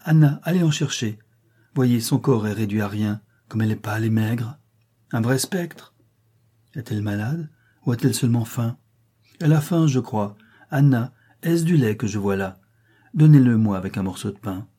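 A man voicing a kind young woman who speaks with gentle concern in a storybook reading. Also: mid-range voice, animated, moderate pace, breathy edge.

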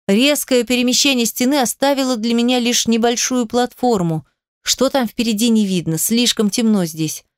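A woman narrating a first-person fantasy audiobook in an expressive storytelling manner. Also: on the high side, clean tone, no echo, clean studio sound.

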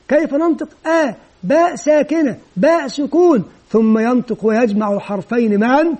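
A man with a very high voice delivers an instructional lecture for teachers. He walks through each step in turn, posing questions and then answering them himself. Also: dark tone. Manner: explains step by step, asks and answers his own questions. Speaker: teacher trainer.

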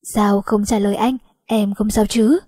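A woman voicing a young male company chairman who asks gentle, worried questions, in an audiobook. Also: medium pitch, steady tone, measured pace, husky, no echo, studio quality.

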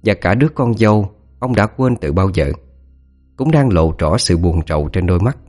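A man telling a scripted ghost story in a dramatic, expressive way. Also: fairly low pitch, moderate pace, faint music behind.

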